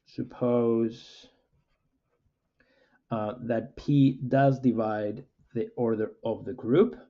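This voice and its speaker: A man, a mathematics professor, lecturing with frequent "uh" fillers in a measured, explanatory way. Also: mid-range voice, steady tone, highs cut off.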